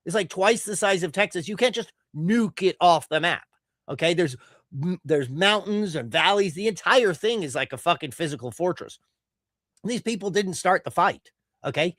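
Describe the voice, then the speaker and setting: A man's voice: high voice, animated, normal speed, fairly bright tone, no room sound, studio quality. A man giving ranting political commentary in a heated, profane and sarcastic manner. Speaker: streamer.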